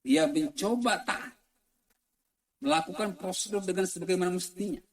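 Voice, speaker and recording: A man delivering a fiery political sermon, asking the audience questions and repeating phrases in rhythmic lists, swinging between loud high cries and low quiet drops. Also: normal speed. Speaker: preacher.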